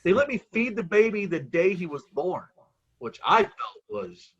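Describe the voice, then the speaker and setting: A male road comic delivers punchy stand-up jokes in a conversational, self-mocking way. His voice sits high and swings widely in pitch as he acts out little exchanges with mock exasperation. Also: big pitch swings, a little slow, slightly rough, dull audio. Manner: conversational storytelling with acted-out exchanges.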